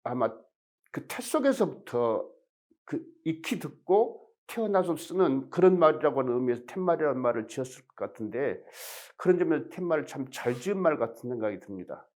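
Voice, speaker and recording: Lively lecturing man. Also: mid-range voice, a little fast. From Jeolla region of Korea. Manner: explanatory, poses questions to the audience. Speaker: professor. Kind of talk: recorded lecture.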